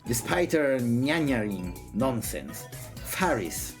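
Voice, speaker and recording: Speaking slowly at a medium pitch with big swings in his intonation, a man streams himself reading a visual novel. He plays it up theatrically and irreverently, pausing for asides, as music runs underneath.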